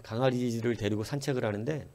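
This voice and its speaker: A male pastor delivering a sermon in church, telling a story with plenty of energy. He acts out the quoted lines, and his pitch climbs and drops as he goes. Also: fast talker, gravelly, a little mellow.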